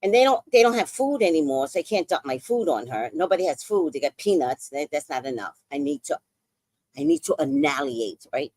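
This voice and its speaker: A woman's voice: sits low, sing-song, brisk, a little mellow, dry recording. A woman in her sixties telling a story in a casual, profane, dramatic way as a podcast host. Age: 60s.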